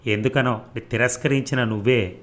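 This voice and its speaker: A man's voice: mid-range voice, fairly even intonation, normal speed, close to an everyday voice. A man reading a shy young woman in love. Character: young woman medical student, shy and doubting lover.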